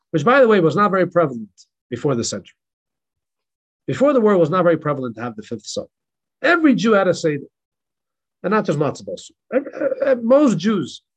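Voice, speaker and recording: Husky animated rabbi. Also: male voice, sits high, low-quality recording. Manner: animated, emphatic teacher with repetitions. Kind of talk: Passover class reading and storytelling. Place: synagogue in El Paso.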